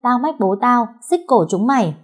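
A woman voicing a feisty young girl who is tearful and defiant, with shrill pleading cries. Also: moderate pace, darkish tone, natural voice.

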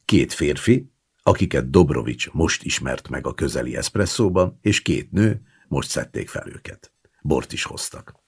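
A man narrating a literary short story in an expressive, dramatic reading with hushed asides. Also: a bass voice, vocal fry, slightly rough. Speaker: audiobook narrator.

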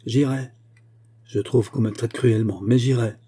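A man's voice: mid-range voice, expressive, moderate pace, warm tone, breathy edge. A man reading the part of a spoiled young officer who speaks in a sulky, indignant way.

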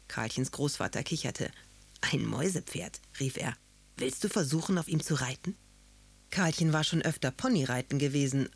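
A woman's voice: low voice, no echo. A woman, a children's author, reading her own story aloud to children.

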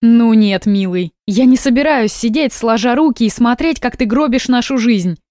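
A woman's voice: fairly high pitch, moderate pace, no echo, clean studio sound, natural voice. A woman reading a tired, defiant young wife who speaks sharply and indignantly, in an audiobook. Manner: weary, then sharp and indignant.

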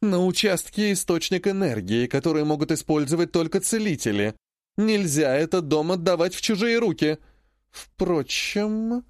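A man's voice: a little high, animated, normal speed, a little mellow, no room sound, studio quality, pitched above the performer's own voice, close to an everyday voice. A man reading an audiobook, voicing a shrewd, indignant old woman, a great-grandmother and healer who laments dramatically. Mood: scheming.

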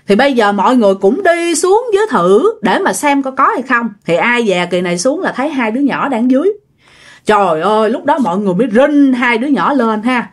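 Chatty Southern Vietnamese woman storyteller. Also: high-pitched. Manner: chatty, addresses listeners directly. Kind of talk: casual ghost story narration.

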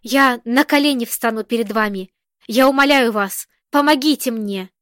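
A woman's voice: fairly high pitch, normal speed, fairly bright tone, no echo, studio quality, close to an everyday voice. A woman reading as a desperate pleading man. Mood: begging. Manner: begging, emotional, raised voice. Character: desperate pleading middle-aged man, hostage-taker. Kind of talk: audiobook character reading.

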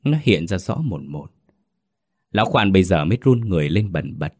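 A man narrating a folk ghost story in a slow, measured way. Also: low voice, sing-song, a little mellow.

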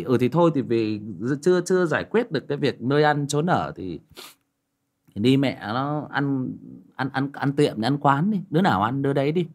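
A man telling a personal story in casual talk, acting out both sides of a conversation. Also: mid-range voice. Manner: acts out both sides of a conversation, rising sharply when excited. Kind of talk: casual spoken storytelling to listeners.

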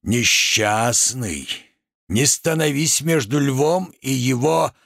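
A man plays a pompous, wrathful provincial tragedian who rants in grand, drawn-out phrases, his pitch leaping wildly. The voice is gravelly and husky, recorded dry and close. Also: expressive, a bit bright, dry recording, exaggerated voice. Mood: grandiloquent. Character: pompous ranting provincial tragic actor, man. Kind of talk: reading a stage play aloud.

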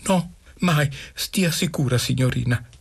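A man's voice: medium pitch, animated, moderate pace, breathy edge, pitched above the performer's own voice. A man reading aloud, voicing a dramatic young male student who pleads and begs effusively. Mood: eager, polite. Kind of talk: literary radio reading.

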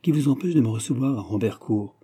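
A man's voice: medium pitch, fast talker, mellow, husky, lightly acted. A man voicing a cold, manipulative young man in an audiobook, speaking curtly and with irony. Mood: coaxing. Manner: curt, ironic.

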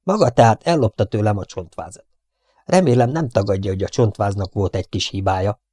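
A man voicing a whiny, tearful male gangster in a storybook reading, with a high, whimpering voice. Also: mellow, dry recording, studio quality, natural voice. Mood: whining, indignant.

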